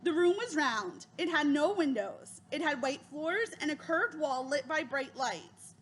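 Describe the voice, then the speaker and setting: A woman reading a children's chapter book aloud, giving the children's lines a higher voice. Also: lively intonation, unhurried, slight background noise. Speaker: reader.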